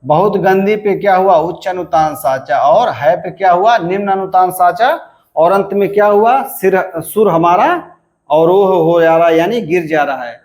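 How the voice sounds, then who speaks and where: A man teaching a grammar lesson, slow and repetitive, asking questions and answering them himself. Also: high voice, a little mellow. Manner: clears his throat now and then. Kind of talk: classroom-style lesson explanation.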